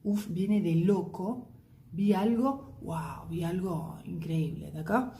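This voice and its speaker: A woman explains French slang to Spanish-speaking learners, repeating each example slowly. Her voice is low and mellow, her pace leisurely and relaxed, broken by soft laughs. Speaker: French teacher.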